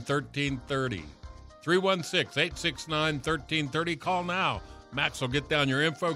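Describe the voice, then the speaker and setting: A man's voice: fairly high pitch, bright, forceful tone. An American man hosting a radio show, giving a folksy, informal contest promo to his listeners.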